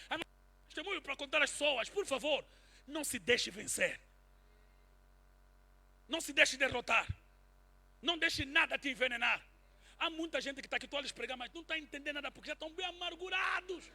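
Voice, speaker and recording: A man preaching a sermon and telling a personal testimony, swinging from quiet asides to shouted peaks. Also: very high-pitched, lively intonation, a little fast, long pauses. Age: adult, married since 2010.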